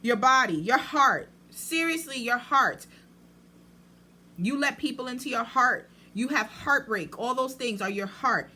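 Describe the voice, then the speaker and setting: A woman's voice: fairly high pitch, expressive, measured pace, sharp tone, a little hiss or hum. A woman hosting a faith-based book talk, speaking in emphatic, preacher-like declarations mixed with casual asides. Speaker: book discussion host.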